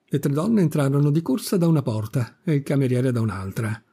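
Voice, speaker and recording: A man reading a classic story aloud as narrator, measured and unhurried. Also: medium pitch, expressive, dark tone, breathy edge. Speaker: audiobook narrator. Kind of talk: scripted literary narration.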